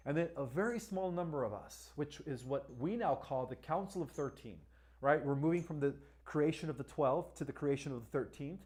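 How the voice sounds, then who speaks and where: A man's voice: a little high, moderate pace, a little mellow. A man with a Spanish accent hosting a live-stream question-and-answer session, talking emphatically and often checking in with "all right" and "right?". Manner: asks viewers to like and share. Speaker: livestream host.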